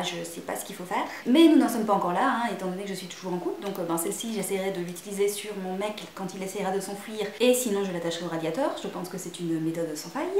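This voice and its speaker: A woman's voice: medium pitch, a little mellow, echoey room, a little hiss or hum. A young woman hosting a casual vlog, chatty and self-mocking, with crude jokes. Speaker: vlogger showing a shopping haul.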